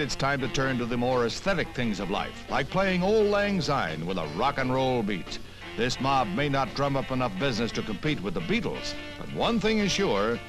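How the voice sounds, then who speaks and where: Poor audio carries a mid-range American male voice narrating a scripted 1960s newsreel over music on an old film track. He delivers it with punch, wry humor and puns.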